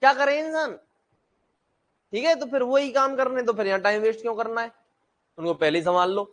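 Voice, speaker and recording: High-voiced blunt male lecturer. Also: fairly even intonation, brisk, a bit bright. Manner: blunt, scolding and joking with students, asks questions and answers them himself. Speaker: teacher. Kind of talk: classroom lecture.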